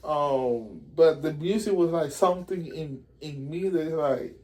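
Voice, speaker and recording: Man, high-ish voice; animated casual guest who acts out quotes. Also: a little slow. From Puerto Rico. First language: Spanish. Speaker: musician guest. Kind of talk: casual interview.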